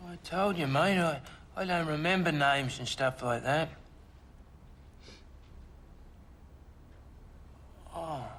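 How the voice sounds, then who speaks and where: A man's voice: a little high, moderate pace, a bit bright. An actor playing an agitated male Australian pensioner on methadone, a witness in court who rambles indignantly and keeps saying "mate". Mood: rambling. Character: agitated scruffy male pensioner addict witness, cocky and evasive. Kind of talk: film drama acting.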